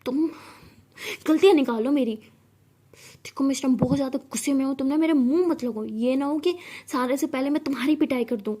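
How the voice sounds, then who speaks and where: A woman's voice: high-pitched, warm tone. A woman voicing a fiery hot-tempered young woman. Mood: angry. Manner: angry, scolding, rapid outbursts.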